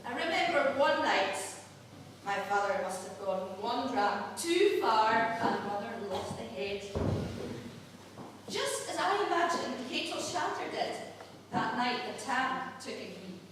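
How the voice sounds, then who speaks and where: High-voiced Scottish woman speaking in echoey hall. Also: sing-song, a little slow, fairly bright tone. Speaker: after-dinner speaker. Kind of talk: humorous speech with recited verse. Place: large hall, speaking to an audience. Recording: echoey hall from far off, noisy.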